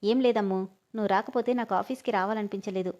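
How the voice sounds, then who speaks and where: A woman's voice: medium pitch, steady tone, fast, a little mellow, lightly acted. A woman voicing a cheerful young male boss, eager and playful, in a storybook reading.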